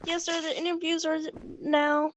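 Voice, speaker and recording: A woman's voice: very high-pitched, little pitch movement, normal speed, slight background noise. A woman playing a receptionist in a game roleplay, politely greeting people at a front desk.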